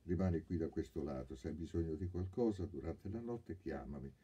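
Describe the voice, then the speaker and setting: Man reading young woman, gentle, protective, husky, dark, audiobook. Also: extremely low pitch, a little fast, dull audio. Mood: caring.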